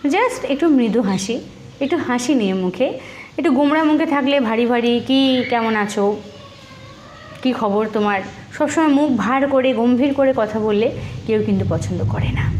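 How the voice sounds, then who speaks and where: A woman's voice: fairly high pitch, animated, normal speed, a little mellow, slight background noise. A woman making a motivational video, counting off tips and asking the listener to agree. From Bengal. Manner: instructive, counts off points, asks "right?". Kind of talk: motivational talk to camera.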